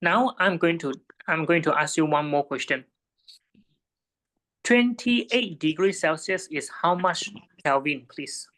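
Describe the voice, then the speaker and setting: A man's voice: a little high, expressive, takes it slowly, fairly bright tone. A man tutoring a student one-on-one in physics, patiently checking her understanding with frequent tag questions.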